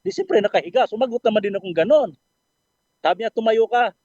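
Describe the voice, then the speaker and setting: An earnest man sharing his faith story on a radio program, polite and full of fillers and restarts. His voice sits high for a man, and the dry, dull recording sounds muffled. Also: animated, brisk, a little mellow, no room sound. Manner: earnest, polite, with frequent fillers and self-corrections. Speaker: caller sharing a testimony.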